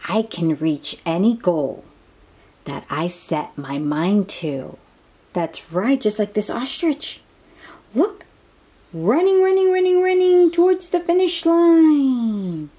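Unhurried and lively in pitch, a woman reads a children's book aloud in a soft-edged, mellow voice with a breathy edge. As if chatting directly with a small child, she encourages, exclaims and asks questions, sprinkling in conversational asides during storytime.

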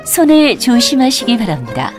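Over music, a woman reads scripted subway station announcements formally, enunciating carefully. Her voice is a little high with huge pitch swings, at normal speed.

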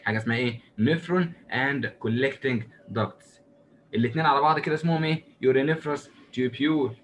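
A man with an Egyptian accent giving a recorded lecture, drawing as he goes and asking and answering his own questions in a lively, joking way. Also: medium pitch, fast talker, slight background noise. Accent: Egyptian Arabic. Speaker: medicine lecturer.

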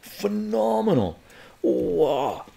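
An older man from Canada's West Coast chats casually on a live stream from his indoor living room while peeling garlic, relaxed, rambling, repeating phrases and laughing often. His high-sitting voice is gravelly, with drawn-out words.

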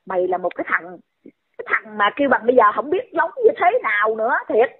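A woman's voice: a little high, very animated, fast, slightly rough. A woman, scolding someone in a heated rant and firing off repeated insulting questions. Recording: tinny phone-line audio.

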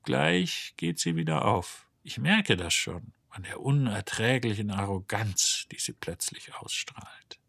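A male narrator voicing a deeply depressed, sarcastic male robot in an audiobook, husky and weary. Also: animated, measured pace, hardly any pauses, fairly bright tone, dry recording, full character voice. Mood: gloomy. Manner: weary, sulking, mocking. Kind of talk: audiobook character voice.

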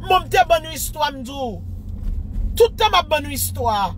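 A woman's voice: sits high, big pitch swings, normal speed, slight background noise. A Haitian woman telling a comic personal story, breaking into mock wailing and laughter and switching between Creole and French. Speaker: social media storyteller.

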